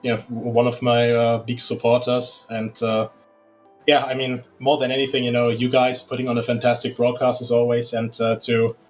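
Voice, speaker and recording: Brief: mid-pitched male driver, filler-heavy and jokey, on a lo-fi chat line. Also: flat delivery, normal speed, faint music behind. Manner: hesitant, joking, many fillers. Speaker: racing driver. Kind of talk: post-race interview.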